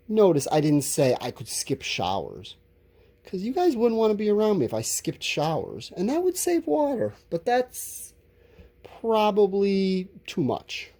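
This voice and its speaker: Here a male elementary school teacher thinks aloud while jotting answers during a casual lesson for children. His explanations are simple and encouraging, delivered in a mellow voice of medium pitch.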